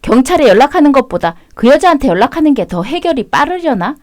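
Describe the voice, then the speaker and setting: A woman's voice: high voice, sing-song, fast talker, heavy background noise. Cool, sarcastic woman in radio drama. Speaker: voice actor narrating and playing the wife.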